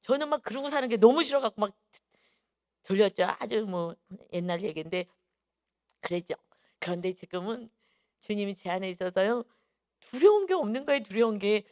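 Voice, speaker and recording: A woman's voice: mid-range voice, expressive, normal speed, long pauses, a little mellow. A woman pastor giving an early-morning sermon, emphatic and telling personal stories. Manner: emphatic, acts out quoted voices and personal stories.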